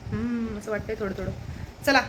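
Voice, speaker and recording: Fasting has made this vlogger low-voiced; her mid-range voice stays fairly even in intonation and moves fairly quickly. In her home vlog she chats casually to the camera, now and then cooing at her pet, with background noise behind her.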